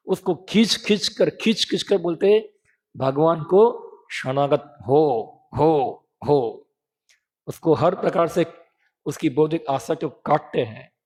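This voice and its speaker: A man's voice: a little high, a little mellow, in a large hall. A man in his thirties giving a conversational sermon, often asking his listeners a question and answering it himself. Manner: conversational, asks the audience questions and answers them. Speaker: preacher.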